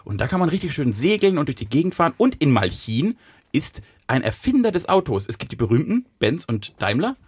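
A man co-hosts a podcast in casual banter, playful and joking, often tripping over his words. His voice is a little husky and swings widely in pitch. The studio sound is close and dry. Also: very animated, a little fast, dry recording. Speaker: podcast co-host.

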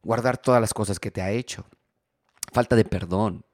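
A man preaching a sermon on marriage, animated, sometimes acting out the voices of quarreling spouses. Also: fairly low pitch, moderate pace, dry recording, studio quality. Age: married adult. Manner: animated, acts out quoted spouses. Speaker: pastor.

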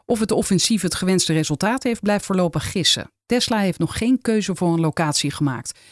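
A podcast host at a mid-range pitch reads article passages in an even, measured way between questions for the guest. The recording is dry and close. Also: no echo. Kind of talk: reading article excerpts and asking questions.

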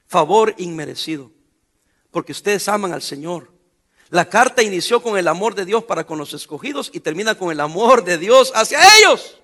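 A middle-aged pastor preaching a sermon in a joking, sarcastic, colloquial manner. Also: male voice, high voice, lively intonation, normal speed, sharp tone.

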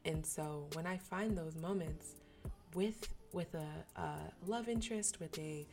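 A woman hosts her own podcast in a slightly low voice, talking openly in a loose, slangy way. She restarts her phrases often and keeps an earnest tone. Soft music plays faintly behind her. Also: measured pace. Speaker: podcast host. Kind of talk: candid solo podcast talk.

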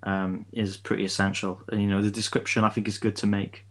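A man's voice: lowish voice, flat delivery, fairly quick. A man co-hosting a podcast in casual chat, hesitant, with many fillers and restarts. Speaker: podcast co-host.

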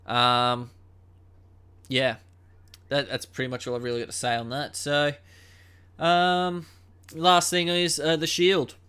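A young man hosting a solo podcast in a casual, rambling way, full of ums and uhs and a flat, unimpressed tone. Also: a little high, slow pace, long pauses, clean tone. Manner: unenthusiastic, dismissive. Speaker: podcast host.

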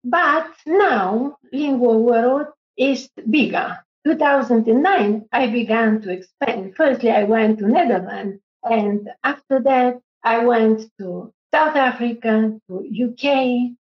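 Bulgarian-born woman CEO, slightly high voice, halting non-native phrasing, echoey lo-fi video call. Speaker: company CEO panelist. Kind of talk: panel discussion. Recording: echoey room, dull lo-fi sound.

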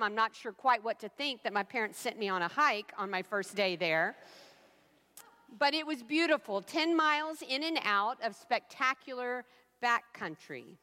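A woman pastor preaching a sermon, telling a personal story in a slow, reflective way with soft emphatic pauses. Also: on the high side, in a large hall.

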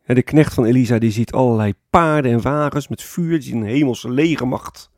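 A man preaching a sermon as pastor, explaining calmly and often adding a tag word to his points. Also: medium pitch, fairly quick, dry recording, studio quality. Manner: calm explanatory preaching with frequent "hè" tags.

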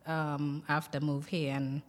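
A woman's voice: low-pitched, flat delivery, slow pace. A woman from Saint Kitts and Nevis with a Kittitian accent, chatting casually as a podcast co-host. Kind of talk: casual conversational chat.

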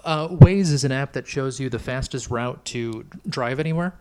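A man's voice: medium pitch, moderate pace, dark tone, clean tone. A middle-aged man chatting casually on a podcast, rambling and hesitant, with lots of fillers. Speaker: podcast co-host. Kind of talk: casual chat. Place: Chicago.

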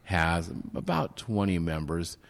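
A man's voice: low voice, slow, gravelly. A man being interviewed about his networking group, recorded in a large golf course banquet room where his voice rings with a big hall echo. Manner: steady and explanatory. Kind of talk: interview guest explaining at length.

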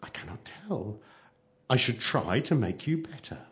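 A man voicing a gentle, anxious mother in a storybook, speaking tenderly, earnestly and sadly. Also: mid-range voice, big pitch swings, unhurried, pitched above the performer's own voice.

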